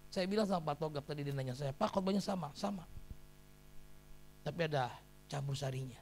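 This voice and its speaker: A middle-aged male pastor preaching a sermon, dropping to quiet confiding tones and rising to loud shouted exhortation. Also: fairly high pitch, fairly quick, slight background noise.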